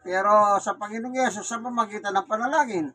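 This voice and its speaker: A Filipino-accented preacher delivers a street Bible sermon to a neighborhood gathering in Manila, often posing questions and answering them himself. His voice sits high and moves a little fast, with a bright, forceful tone. Faint music plays behind him.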